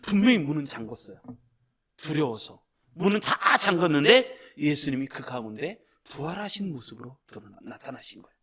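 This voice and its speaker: A male pastor preaching a sermon in a church, moving between soft, hushed asides and loud, drawn-out reading of scripture as he leads the congregation. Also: on the high side, very animated. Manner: addresses the congregation directly, leads group reading. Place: church sanctuary.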